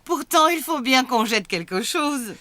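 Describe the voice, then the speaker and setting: A woman voicing a fond, lively old grandmother pig in a cartoon. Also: high-pitched, measured pace, a little hiss or hum, exaggerated voice. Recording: cartoon soundtrack with music behind.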